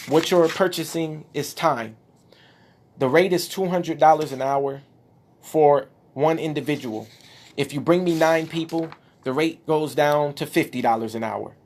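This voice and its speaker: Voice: mid-range voice, darkish tone, a little hiss or hum. A speaker giving an impassioned, preachy monologue while showing documents, winded at times. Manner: preachy, emphatic, exclaims at times. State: out of breath. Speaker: speaker addressing followers.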